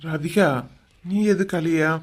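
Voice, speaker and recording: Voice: mid-range voice, steady tone, slow, darkish tone. A performer with a Kanyakumari accent playing an earnest, worried young man in a family comedy skit. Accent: Kanyakumari Tamil. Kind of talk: acted village family drama.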